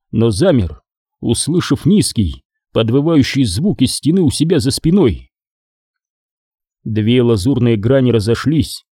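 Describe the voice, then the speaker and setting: A male narrator reads an action-heavy novel in a steady, measured way. His voice is dark and mellow, and it is recorded close and dry with no room sound. His pitch sits in the middle for a man. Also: no room sound. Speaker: audiobook narrator. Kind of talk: scripted narration of a sci-fi battle novel.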